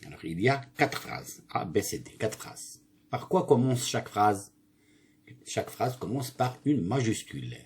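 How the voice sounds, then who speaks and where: A man's voice: fairly low pitch, big pitch swings, measured pace, darkish tone, husky. A male teacher going through a grammar exercise, asking questions and answering them himself. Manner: asks questions then answers them himself, corrects slips. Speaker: primary school teacher. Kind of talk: grammar lesson, reading and explaining exercises.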